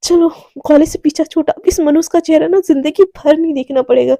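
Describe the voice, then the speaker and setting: A woman doing a young college girl with a high, raised voice that stays mellow and dry, full of quick moods and scorn. She swings from giddy outbursts to cutting remarks, as a storyteller puts her on. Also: steady tone, creaky, no echo. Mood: scornful.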